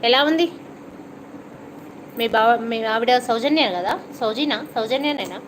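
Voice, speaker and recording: A woman's voice: on the high side, a little slow, a little hiss or hum, rough recording. A middle-aged woman with a slight cough, hosting a casual live stream, chatting with and teasing viewers as she reads out their comments. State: has a cough.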